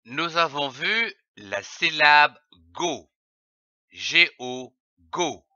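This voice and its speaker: Very slow, bright-voiced man spelling syllables. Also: a little high, animated, dry recording, highs cut off. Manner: spells out letters slowly and carefully. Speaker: reading teacher. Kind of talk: slow syllable-by-syllable reading lesson.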